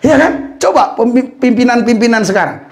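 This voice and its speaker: A male pastor preaches in a high, very animated voice, his pitch leaping up and down as he jokes. He laughs often and slips into quick put-on voices for the people in his stories. The talk is chatty and warm-hearted rather than formal. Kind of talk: lively sermon with jokes and anecdotes.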